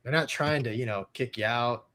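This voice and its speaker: A man co-hosting a casual chat show, loose and animated, laughing often. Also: mid-range voice, moderate pace. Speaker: co-host.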